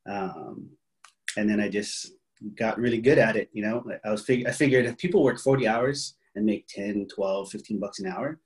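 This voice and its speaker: This is a man from Hawaii in his thirties, speaking as an interview guest. His voice sits fairly low, and he tells his story casually, filling the pauses with "um" and "you know.". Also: low-quality recording.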